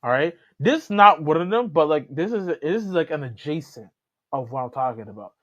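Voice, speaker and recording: A man's voice: on the high side, lively intonation, a little fast, a bit bright. A man hosting a reaction video, rambling through casual commentary with many restarts. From Canada. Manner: rambling, repeats and restarts while he talks. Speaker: reaction channel host. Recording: dull lo-fi home recording.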